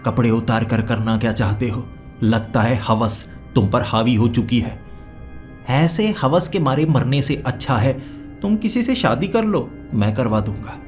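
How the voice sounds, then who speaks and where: Dracula, a calm mocking old vampire, voiced by a man. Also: mid-range voice, unhurried, faint music behind, lightly acted. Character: sly middle-aged male vampire lord, calm and mocking.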